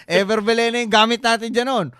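A man's voice: very high voice, fairly even intonation, moderate pace, a bit bright, clear, resonant tone. A man hosting a casual sports talk show, joking and teasing as he chats, mixing English into his talk.

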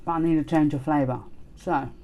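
Low-voiced woman chatting while eating. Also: fairly even intonation, fairly quick, dark tone, slight background noise. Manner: short, sparse remarks between bites while eating. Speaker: mukbang host. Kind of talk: casual eating commentary. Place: small furnished room indoors, seated at a table.

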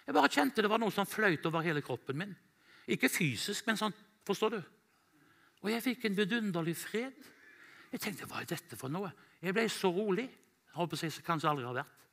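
Bright-voiced Norwegian evangelist preaching. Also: male voice, sits high, vocal fry. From Norway. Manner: animated storytelling, quoting himself and others. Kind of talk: sermon testimony. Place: church.

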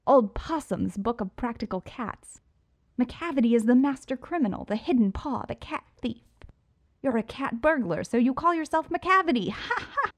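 A woman's voice: fairly high pitch, sing-song, unhurried, pitched above the performer's own voice. A woman voicing a cocky, flamboyant male villain in an audiobook, speaking in a boastful, theatrical way. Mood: gleeful. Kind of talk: audiobook character voice.

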